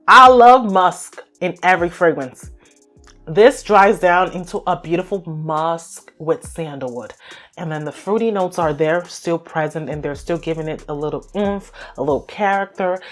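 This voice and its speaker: Young woman, lower register, emphatic and gushing review host; soft music bed. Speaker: beauty vlogger. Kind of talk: casual product review.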